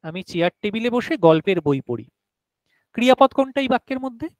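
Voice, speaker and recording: A man's voice: extremely high pitch, sing-song, fairly quick, dry recording, low-quality recording. A male teacher giving a grammar lesson to a class, explaining step by step and often asking whether everyone has understood.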